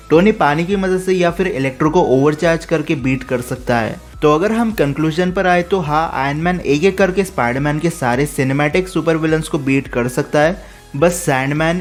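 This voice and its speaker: Brisk male explainer host, a touch high-pitched, scripted Q&A delivery over soft background music.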